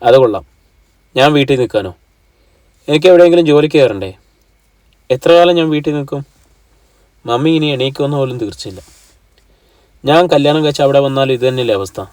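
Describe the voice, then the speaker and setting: Brief: narrator doing a pushy young fiancé on a phone call, blunt and impatient, mid-pitched, dry sound with the mic set back. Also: male voice, fairly quick, pauses often, darkish tone, no echo, recorded from a distance, natural voice. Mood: demanding. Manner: blunt, demanding. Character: frustrated young man pressing his fiancée on the phone.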